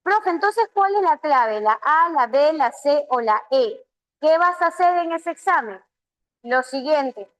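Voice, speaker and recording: A Peruvian Spanish woman teaching a language class online, her voice high and her pace unhurried. She walks through exam answers patiently, quizzing her students and voicing their replies back to them. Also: animated, poor audio.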